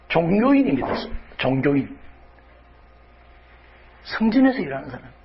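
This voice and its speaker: A man's voice: high-pitched, lo-fi sound, a little hiss or hum. A male pastor preaching a sermon dramatically, dropping to whispers and rising to cries.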